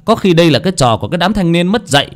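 A man's voice: high-pitched, sing-song, very fast, pitched above the performer's own voice. A man playing a stern older village chief who lectures the villagers in a bossy way.

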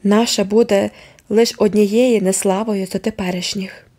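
A woman's voice: medium pitch, steady tone, moderate pace, mellow, close to an everyday voice. A woman reading the part of a fatalistic schoolteacher in a storybook, grave and sombre. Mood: gloomy.

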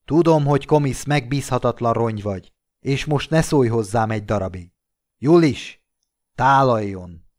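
A man reading an audiobook, voicing a cold, arrogant young man with a flat, contemptuous manner. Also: lowish voice.

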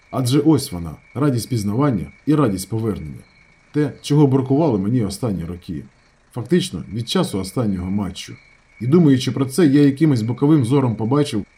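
A man reading a novel aloud as an audiobook narrator, with expressive, dramatic storytelling. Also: mid-range voice, breathy edge.

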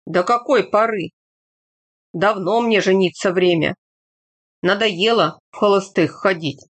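A woman's voice: mid-range voice, a little slow, close to an everyday voice. A woman voicing an earnest, plainspoken young village man in a read-aloud story, without much change to her own voice.

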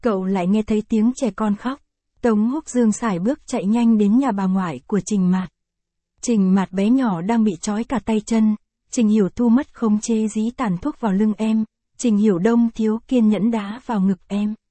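Woman narrating an audio novel, mellow. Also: mid-range voice, steady tone, moderate pace, no echo.

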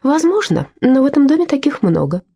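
A woman reading the lines of a calm, defiant young servant girl in an audiobook, speaking steadily and cuttingly. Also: high voice, a little fast, pitched above the performer's own voice.

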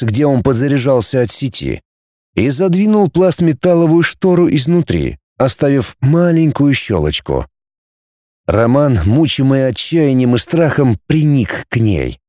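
A man reading a story aloud as an audiobook narrator, in an expressive storytelling manner. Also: medium pitch, no echo, studio quality. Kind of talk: scripted narration.

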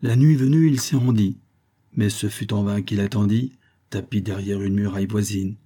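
A man reads a detective story aloud in a measured, steady storytelling manner. His voice is low and husky, with a dark, mellow color. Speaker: narrator. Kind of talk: audiobook reading of a detective story.

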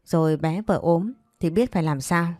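A woman's voice: fairly low pitch, moderate pace, a little mellow, no room sound, lightly acted. A woman voicing an older man who dotes on and bosses his young lover in a spoken story. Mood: possessive. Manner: tender, coaxing, bossy.

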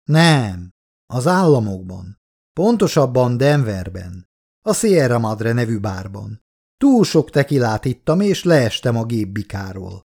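A man's voice: medium pitch, big pitch swings, vocal fry, a little mellow. A male audiobook reader voicing a friendly archaeologist telling wry stories about himself. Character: friendly middle-aged male archaeologist scholar.

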